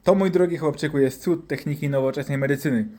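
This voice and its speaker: Man voicing a drunk swaggering doctor, coarse and boastful, swears nonstop, pitched a bit high. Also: quick pace, a little mellow, natural voice.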